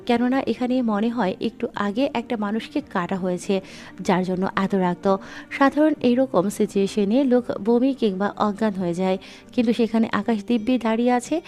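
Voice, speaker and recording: Woman narrating an audio story. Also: mid-range voice. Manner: steady storytelling.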